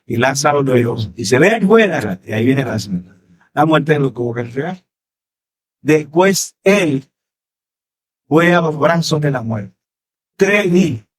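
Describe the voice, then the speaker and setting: Male pastor, Colombian accent, mid-pitched, theatrical sermon delivery with sudden loud peaks and rhetorical tag questions. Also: a little slow, pauses often. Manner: animated preaching, dramatic swings in pitch and loudness. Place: church.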